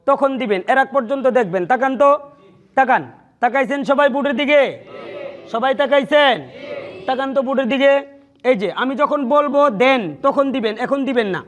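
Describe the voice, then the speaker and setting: A man's voice: very high voice, fairly bright tone. A man teaching a class, coaxing his students to repeat letters after him and praising their tries. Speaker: Quran teacher. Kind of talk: classroom lesson with call-and-response drills. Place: classroom with a board.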